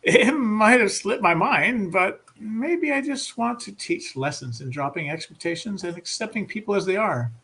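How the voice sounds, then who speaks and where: A man voicing a whimsical, rascally bearded man who speaks in a teasing, unhurried way. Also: high-pitched, lively intonation, bright, forceful tone, voice pushed up, full character voice. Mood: playful.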